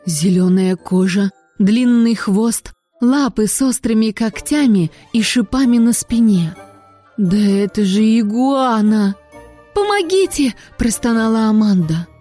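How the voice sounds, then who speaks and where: A woman reads a children's story aloud with expressive, lively storytelling. Her voice is mellow and soft-edged, at a middle pitch, with faint music playing beneath. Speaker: narrator. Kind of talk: audiobook narration.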